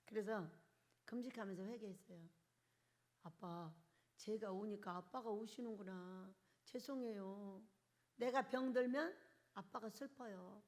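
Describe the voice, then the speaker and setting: An older woman pastor preaching a charismatic sermon, asking the congregation questions and swinging from loud bursts to soft, quiet lines. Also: mid-range voice, measured pace, pauses often. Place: church hall.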